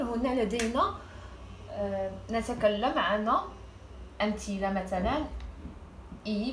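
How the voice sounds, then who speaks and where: Young woman, patient French teacher voice with careful, slow pronunciation, a touch high. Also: slight background noise. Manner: slow, deliberate spelling-out of French words between Arabic explanation. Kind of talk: grammar lesson.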